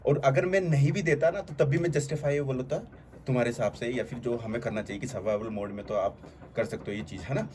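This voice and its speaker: Speaking fast in a medium-pitched, somewhat dark voice, a channel host earnestly works through his ideas in casual talk. He's reflective and long-winded, full of fillers, and there's faint noise behind him.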